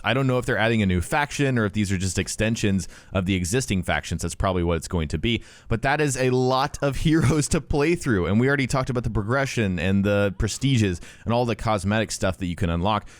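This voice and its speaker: A man's voice: lowish voice, no echo. A man talking casually to viewers as a gaming YouTuber, explaining things conversationally and stressing key words, close to the microphone. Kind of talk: casual talk to viewers about a video game.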